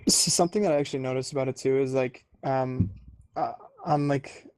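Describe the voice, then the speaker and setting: Male gamer, middle pitch, rambling, dry headset voice. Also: fairly even intonation, a little fast, a little mellow, clear, resonant tone, dry recording. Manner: rambling, full of "like" fillers. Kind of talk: casual voice chat.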